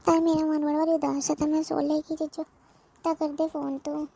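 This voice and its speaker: Anxious older mother-in-law, voiced by a woman, fretful and rambling; high and mellow. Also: level tone, normal speed, vocal fry, a little hiss or hum. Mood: fretting. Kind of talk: cartoon voice acting.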